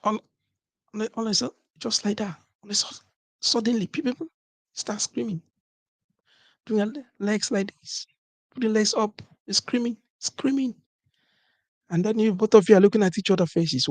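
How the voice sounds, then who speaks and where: A man with a gravelly, rough-edged voice riffs through a comedic monologue, jumping into little bits of dialogue between partners. He keeps checking in with his listeners as he goes. The sound is close and completely dry, with no room echo. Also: high-pitched, normal speed, pauses often. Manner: animated, acts out couples' dialogue, keeps asking "you understand?". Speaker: comedic commentator.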